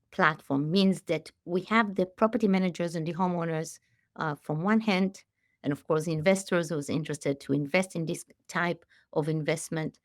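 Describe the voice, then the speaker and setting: Israeli-born woman in her late forties, halting speech. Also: fairly low pitch, no room sound, studio quality. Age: 40s. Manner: warm, halting, many fillers and restarts. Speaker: CEO and guest. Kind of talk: conversational interview.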